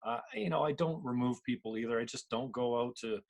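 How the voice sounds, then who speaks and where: A man's voice: mid-range voice, expressive, brisk, creaky, a little mellow. A middle-aged Canadian man hosting a casual interview, talking in a rambling, self-deprecating way with many restarts. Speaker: podcast host.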